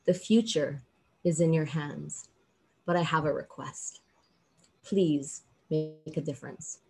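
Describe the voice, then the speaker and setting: A woman's voice: deep voice, steady tone. Earnest woman giving a commencement address. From Hawaii. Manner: earnest, measured, emphatic pauses. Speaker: commencement speaker, law professor. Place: indoors, small room with plain backdrop. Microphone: video call.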